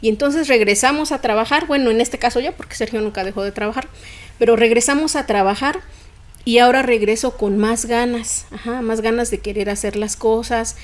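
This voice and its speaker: A woman's voice: on the high side, a little fast. A woman, a podcast guest telling a personal story in conversation, emotional and fluent, with frequent fillers.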